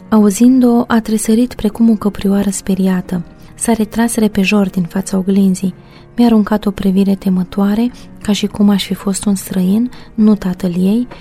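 A woman narrating a first-person story in a measured, reflective way. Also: medium pitch, warm tone.

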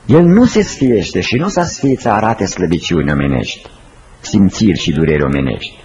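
A man preaching a sermon, swinging between high urgent pleas and slow, hushed low phrases. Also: sing-song. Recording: slightly dull lo-fi recording with faint noise.

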